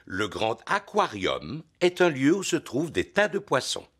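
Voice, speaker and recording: A man voicing a jovial, proud, gentle big daddy pig in a preschool cartoon, good-natured, chuckling and mildly pompous. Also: mid-range voice, wildly swooping pitch, a little slow, breathy edge, exaggerated voice. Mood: warm, cheerful. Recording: loud cartoon music underneath.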